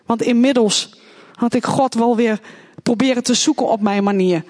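A woman gives an earnest personal testimony in a church, telling her story in plain, heartfelt words and acting out quoted voices. Her voice is on the high side, darkish in tone, at normal speed.

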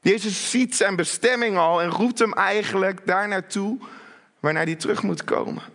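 Fervent preacher man, fairly high voice. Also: moderate pace. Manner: emphatic, rising to loud urgent calls. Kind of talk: sermon.

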